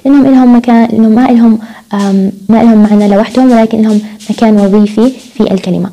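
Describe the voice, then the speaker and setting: Mellow-voiced woman lecturing. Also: on the high side, steady tone, racing, poor audio. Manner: mixes Arabic and English, repeats key words. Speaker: university lecturer. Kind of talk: recorded lecture explaining phonetics.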